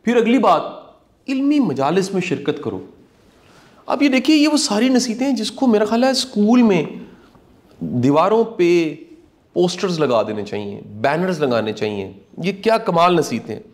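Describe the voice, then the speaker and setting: High-voiced and a touch mellow, a middle-aged man swings widely in pitch as he gives a reflective motivational talk. His manner is earnest and preacherly, with key phrases repeated for emphasis.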